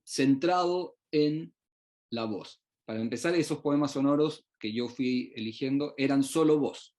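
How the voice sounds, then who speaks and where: A middle-aged man, born in Uruguay and raised in Chile, gives an online research presentation, halting often with fillers and restarts. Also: mid-range voice, darkish tone. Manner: hesitant, many fillers and restarts. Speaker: researcher presenting his work.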